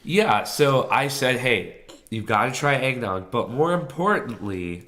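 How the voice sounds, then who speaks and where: Sick-sounding guy hosting a live stream, hoarse and stuffy, chatty, keeps apologizing. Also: medium pitch, lively intonation, a little slow, a bit bright. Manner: chatty, laughs easily, apologetic. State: congested, sick voice. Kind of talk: casual live stream chat.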